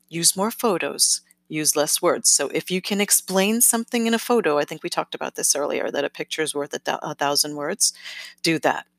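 A woman hosting a podcast, giving casual advice in a chatty, self-correcting way and often checking in with "okay?", with lively, sing-songy emphasis. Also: sits low, no room sound. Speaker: podcast host.

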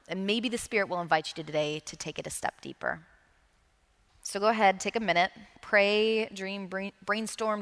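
A woman preaches a sermon in an earnest, steady way, repeating key phrases for emphasis. Her voice sits low with a gravelly edge. A long hall reverb trails each line. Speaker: pastor.

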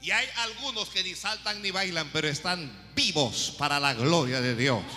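A man preaching an impassioned sermon, swinging from low murmurs to shouted praise. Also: expressive, moderate pace. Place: church hall. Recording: long hall reverb, faint music.

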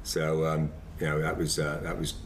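Deep-voiced middle-aged man reminiscing. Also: monotone, a little hiss or hum. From Wiltshire, England. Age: 50s. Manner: rambling, halting, repeats phrases. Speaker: former semi-professional footballer being interviewed. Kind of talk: casual reminiscing chat.

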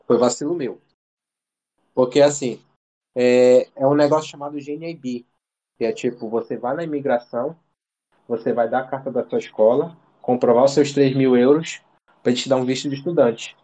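Mellow-voiced man telling a rambling story. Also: medium pitch, steady tone, moderate pace, poor audio. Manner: slangy, rambling, full of fillers and restarts. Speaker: interview guest. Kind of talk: casual storytelling chat. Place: living abroad in Ireland.

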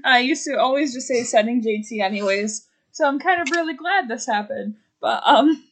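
A woman co-hosting a casual chat among friends, joking with quick asides. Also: a little high. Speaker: podcast co-host.

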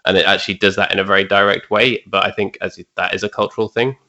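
A man with a very deep, gravelly voice analyses a film thoughtfully. His delivery stays flat and even. The recording is dull and lo-fi. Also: fast. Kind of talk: casual chat.

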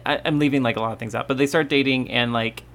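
A man's voice: medium pitch, steady tone, fast, fairly bright tone. A young man co-hosting a podcast, chatting loosely about a movie with many fillers and restarts. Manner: rambling, full of fillers and self-corrections. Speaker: podcast co-host. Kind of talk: casual chat about a movie.

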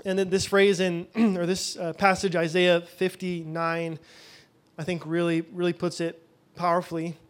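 A man's voice: high-pitched, level tone, moderate pace. A man teaching a Bible session in a loose, conversational way, thinking aloud as he goes.

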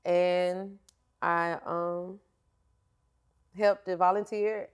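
A woman's voice: on the low side, little pitch movement, extremely slow, clean tone. Slangy, candid woman telling her story. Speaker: fitness instructor and guest. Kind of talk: casual storytelling interview.

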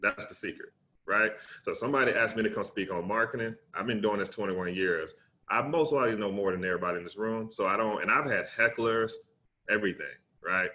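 Deep, bright-voiced Southern US man. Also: brisk. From Alabama, United States. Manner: emphatic, conversational, often tags points with "right?". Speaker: interview guest, public speaker. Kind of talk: casual motivational interview talk.

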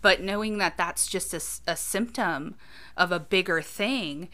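Woman in her thirties, podcast co-host, casual and reflective, low-ish and crisp. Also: a little slow, sharp tone. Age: 30s. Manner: reflective, talks things through with many "you know"s. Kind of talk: casual conversational chat.

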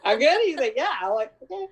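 A woman in her thirties telling a story in casual podcast chat, animated, acting out dialogue and laughing often. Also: high-pitched, rough recording. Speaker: podcast co-host.

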